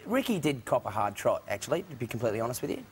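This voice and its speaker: A young man, a talk show guest, chatting and telling animated stories in a television studio. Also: mid-range voice, very fast, a little hiss or hum. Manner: animated storytelling with laughs. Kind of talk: casual chat.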